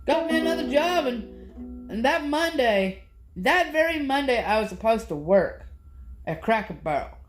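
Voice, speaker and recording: Over soft background music in an echoey room, a man with an extremely high-pitched, very animated yet unhurried voice vlogs. He rambles casually through an aggrieved rant about his complaints, swearing nonstop.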